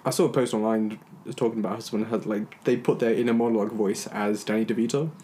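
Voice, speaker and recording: Fast-talking young man. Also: lowish voice, steady tone, mellow, slight background noise. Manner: rambling, hesitant restarts. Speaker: podcast co-host. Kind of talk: casual chat.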